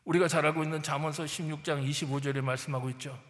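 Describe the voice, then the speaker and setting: A man's voice: fairly high pitch, steady tone, very fast, fairly bright tone, in a large hall. A male pastor preaching a sermon emphatically, prodding his listeners with rhetorical questions and acting out Bible figures. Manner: acts out Bible figures in quoted speech.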